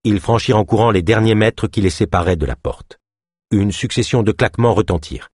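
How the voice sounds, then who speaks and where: A man reading a thriller novel aloud as narrator, expressive storytelling. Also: on the low side, breathy edge, no echo, studio quality. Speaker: audiobook narrator. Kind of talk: scripted narration.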